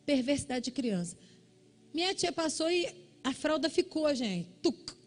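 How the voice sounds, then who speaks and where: Animated high-voiced Brazilian woman preaching. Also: a little slow. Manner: animated, acts out shouting relatives in a high voice. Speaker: pastor. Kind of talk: sermon with storytelling. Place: church service.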